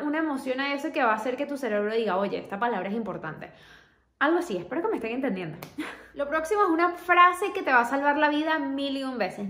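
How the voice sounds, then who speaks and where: A woman's voice: high-pitched, a bit bright. A young woman vlogger giving casual advice, chatting directly to the viewer. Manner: chatty, talks straight to the viewer. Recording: echoey room.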